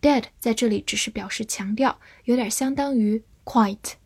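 A woman teaching English vocabulary in Chinese, a native Chinese speaker who spells each word letter by letter and repeats it slowly. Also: fairly high pitch, darkish tone, husky, dry recording. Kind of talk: slow, deliberate vocabulary lesson.

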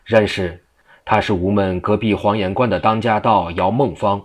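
A man's voice: on the low side, steady tone, normal speed, lightly acted. A man reading the lines of a timid, simple-minded husband who rambles through his account. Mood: rambling. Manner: plain, rambling.

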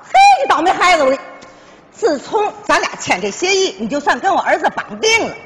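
A flustered, scheming mother. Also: high-pitched. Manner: quick-witted, flustered, full of exclamations. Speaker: mother in a stage sketch. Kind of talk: stage comedy sketch. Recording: stage recording with steady noise.

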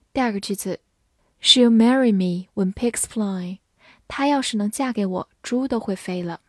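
A young woman teaching English vocabulary in a scripted lesson, spelling words out and drilling them slowly and clearly. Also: fairly high pitch, dry recording, clean studio sound.

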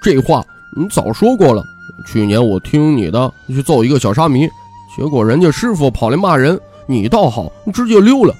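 A man's voice: medium pitch, sing-song, fairly quick, dark tone, faint music behind, lightly acted. A man voicing a sulky, indignant little boy monk who complains in a whiny tone. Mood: aggrieved.

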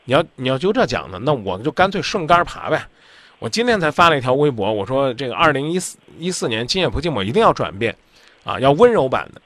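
A man's voice: mid-range voice, big pitch swings, fast talker, fairly bright tone, no echo. A man hosting a radio call-in advice show, talking bluntly and insistently, lecturing the caller.

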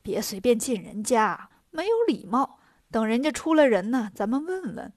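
A fussy, proper monk master who lectures about manners, as a woman storyteller voices him. The voice is fairly high and dry. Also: sing-song, normal speed, darkish tone, dry recording.

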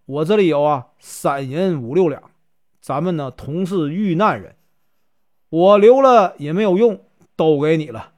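A man's voice: fairly high pitch, lively intonation, a little slow, darkish tone. A man with a Northeastern Mandarin accent voicing an indignant, down-on-his-luck man in a spoken folk tale. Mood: earnest. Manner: exasperated, complaining.

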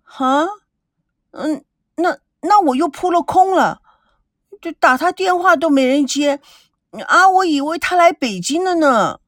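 A woman's voice: high-pitched, lively intonation, a little slow, pauses often, no echo, studio quality, voice pushed up. A woman doing a stammering, whiny jealous woman. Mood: whiny, evasive. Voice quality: stammering, whining, pleading. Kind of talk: audiobook character reading.

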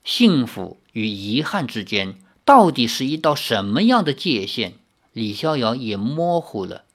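A narrator reading a novel aloud in an expressive storytelling way, stopping now and then for explanatory asides. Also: mid-range voice, a little slow. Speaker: audiobook narrator.

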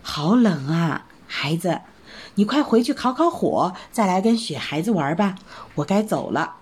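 A calm, caring mother rabbit from a children's storybook, voiced by a woman reading aloud. Her voice drops well below the reader's own and moves slowly and soothingly. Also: fairly low pitch, husky, voice pushed down, full character voice. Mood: gentle.

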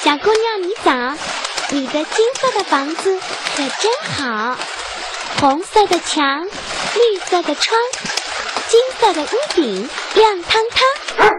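A woman voicing an eager little bird in a children's storybook, quick and sing-song. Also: very high voice, expressive, heavily acted. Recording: loud background noise.

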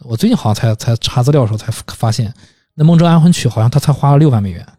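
A man's voice: medium pitch, lively intonation, racing, dark tone, dry recording, clean studio sound. A man hosting a casual podcast about films, talking in thoughtful, rambling runs with hesitations. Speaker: podcast host. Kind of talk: casual film discussion.

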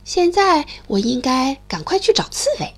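A woman voicing an eager, excited little male mole who pleads and calls out for help. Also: high voice, normal speed. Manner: pleading, chirpy, cries out loudly.

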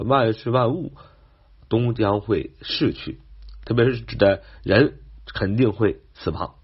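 Male vocabulary teacher, husky and fairly low, spells and repeats words slowly; dull lo-fi recording. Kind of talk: spoken vocabulary lesson.

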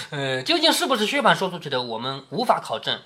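A man's voice: fairly high pitch, huge pitch swings, normal speed, sharp tone. A man reading a classic novel aloud to his daughter and explaining it in a chatty way, often checking in with "right?". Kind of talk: storytelling reading with commentary.

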